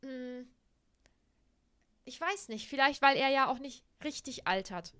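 A woman's voice: high-pitched, animated, a little slow, sharp tone, clean tone. A young woman co-hosting a podcast, casually retelling a book chapter with many fillers. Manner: chatty retelling with frequent fillers. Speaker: podcast co-host. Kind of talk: casual book-discussion chat.

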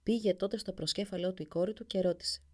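A woman narrating a folk tale in an expressive storybook reading. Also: medium pitch.

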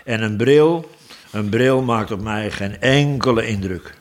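A man's voice: lowish voice, unhurried, natural voice. A man voicing a self-important male dwarf king in a storybook, speaking in a pompous, blustering way. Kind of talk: storybook reading.

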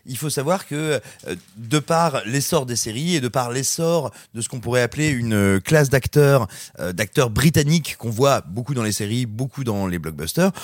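A man reviewing a film in a casual podcast chat, animated and sarcastic as he mocks it. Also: medium pitch, dry recording, clean studio sound. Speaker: film critic.

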